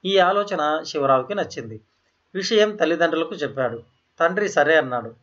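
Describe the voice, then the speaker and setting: Man narrating a story, slightly higher voice. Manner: steady, measured reading. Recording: slightly dull, lo-fi audio.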